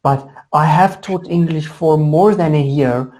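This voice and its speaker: A South African woman with a South African accent tutors English over a video call, chatting in an upbeat way and often saying "alrighty." Her voice is deep, unhurried and mellow in this online lesson.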